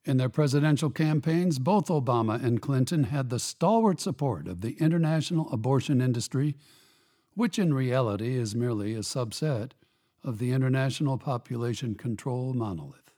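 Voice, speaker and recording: A man reads a scripted opinion commentary as a radio program's host. His voice sits at an ordinary pitch with a dark, mellow tone. He delivers each point in a measured, emphatic, pointed way. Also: lively intonation.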